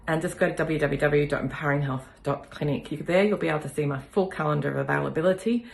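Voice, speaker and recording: A middle-aged woman with a cold speaks in a low, gravelly voice, calmly explaining each step as she demonstrates on herself. Her voice carries an echo from the room around her. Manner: calm, explanatory, counts slowly. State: has a cold. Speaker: kinesiology practitioner. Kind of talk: demonstration with instruction. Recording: echoey room.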